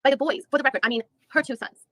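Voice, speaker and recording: For a read-aloud deposition reenactment, a woman voices a female attorney who probes a witness methodically, restarting often. Her voice sits high with a sharp tone and races along, recorded in studio quality with no room sound.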